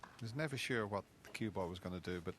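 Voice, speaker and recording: A man giving informal shot-by-shot snooker commentary, thinking aloud in a measured, conversational way. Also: fairly low pitch, a bit bright. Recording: crowd and room noise behind. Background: snooker hall audience ambience.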